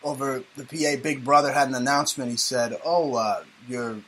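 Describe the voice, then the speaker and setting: A male radio host who rambles through the show with sardonic jokes. His voice sits at an average pitch with a bright, forward tone. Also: steady tone, fairly quick, poor audio. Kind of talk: casual talk radio banter.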